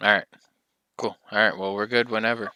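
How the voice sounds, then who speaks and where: A man's voice: fairly low pitch, little pitch movement, brisk, background noise. A man co-hosting a casual podcast, playful and teasing. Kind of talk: casual group chat on a voice call.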